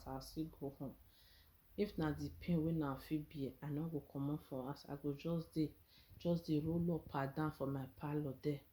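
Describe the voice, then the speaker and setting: A woman's voice: deep voice, dark tone. A woman with a Nigerian accent chatting in Nigerian Pidgin as a vlogger, earnest and encouraging, often checking that listeners understand. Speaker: vlogger sharing her experience. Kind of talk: casual personal vlog in Nigerian Pidgin.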